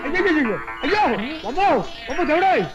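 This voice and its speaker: An actor playing a reluctant priest who wails and laments dramatically. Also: male voice, very high voice, sing-song, very fast, lo-fi sound, over loud music. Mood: wailing. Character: reluctant young priest, excitable, loudly wailing. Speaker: priest asked to perform a wedding.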